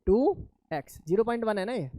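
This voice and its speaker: Male chemistry teacher, coaxing call-and-response lecture, drops low to answer his own questions, dry close sound. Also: animated, a little fast, mellow, dry recording. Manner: asks questions and answers them himself in a lower voice; addresses students affectionately as children. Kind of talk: classroom lecture.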